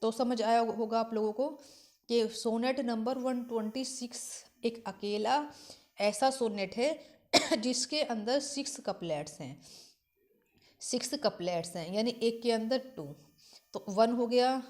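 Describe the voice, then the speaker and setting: A woman's voice: fairly high pitch, darkish tone. A woman teacher explaining literature for exams, repeating key points and asking and answering her own questions. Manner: reads English verse slowly and haltingly. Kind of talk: exam-prep literature lesson.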